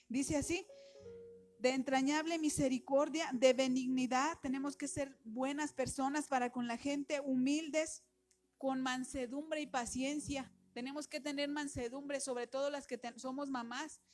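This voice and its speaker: A woman preaching a sermon, earnest and exhorting, rising in volume when she quotes scripture. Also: high-pitched.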